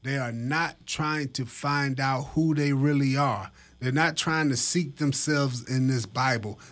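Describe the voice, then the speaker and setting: A man hosting a radio show, giving an animated religious teaching in an emphatic way, often repeating his words. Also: mid-range voice.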